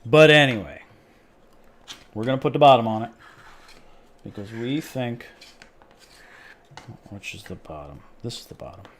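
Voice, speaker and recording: A man's voice: medium pitch, sing-song, measured pace, pauses often, fairly bright tone, slight background noise. A man hosting a live stream, chatting casually and joking with viewers while he tinkers with a homemade project. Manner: rambling, jokey, talks to chat while tinkering.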